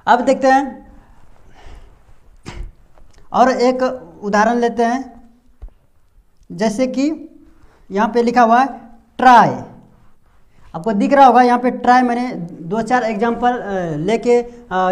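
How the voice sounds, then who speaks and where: A man's voice: very high voice, a little slow, long pauses, darkish tone. A man giving a whiteboard pronunciation lesson as an English teacher, asking rhetorical questions and repeating sounds.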